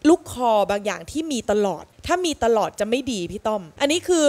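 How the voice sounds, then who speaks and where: A woman judging a singing contest, giving detailed critique in a quick, explanatory way. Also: on the high side, sing-song, darkish tone. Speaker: judge.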